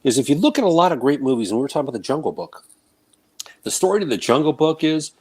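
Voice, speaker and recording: A man's voice: a little high, very animated, fast, darkish tone, husky. Man on a phone with a slight echo. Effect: slight echo on his voice. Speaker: call-in guest. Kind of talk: casual chat. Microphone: cell phone.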